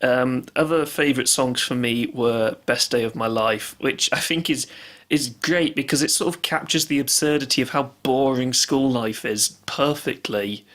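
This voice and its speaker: A man's voice: medium pitch, normal speed, a bit bright. A man co-hosting a podcast, chatting casually about an album, laughing often. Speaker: podcast co-host. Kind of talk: casual music review chat.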